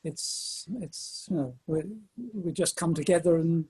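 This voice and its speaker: A man chatting casually on an online call, hesitant and repeating his words, with a very husky voice. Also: a little high, fairly even intonation, measured pace, darkish tone. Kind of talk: casual chat.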